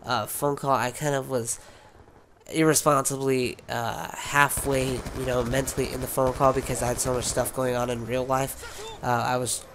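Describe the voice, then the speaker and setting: A man's voice: mid-range voice, level tone, normal speed, fairly bright tone, slight background noise. Rambling young man with a sick voice. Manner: rambling, with many fillers and restarts. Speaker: gaming YouTuber. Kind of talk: rambling casual vlog talk.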